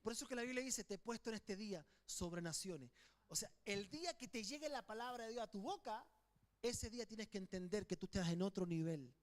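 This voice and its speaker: High-voiced emphatic preaching pastor. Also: male voice. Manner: emphatic preaching with call-and-response to the congregation; swings between loud declarations and quiet, slowed phrases. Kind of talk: sermon. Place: church sanctuary with congregation.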